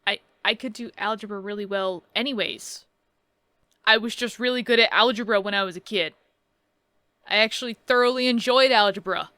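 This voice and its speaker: A woman's voice: mid-range voice, sharp tone, dry recording. A woman in her thirties casually reading game text aloud and adding wry, joking asides in a playthrough. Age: 30s. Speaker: let's play host.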